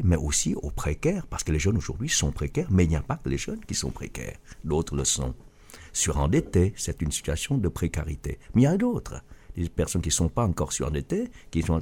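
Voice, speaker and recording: Un homme d'âge mûr originaire du Vietnam, auteur et chef d'entreprise, qui répond en interview avec sérieux et hésite souvent. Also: male voice, deep voice, warm tone, slightly rough. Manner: earnest, halting with restarts. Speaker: author and business leader. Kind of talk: radio interview answer.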